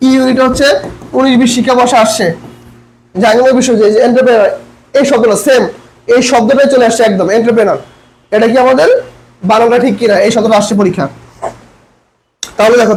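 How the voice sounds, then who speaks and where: A man's voice: very high-pitched, slight background noise, poor audio. A man with a Bangladeshi Bengali accent teaching an online English grammar class, asking students questions and repeating key points. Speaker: admission coaching lecturer.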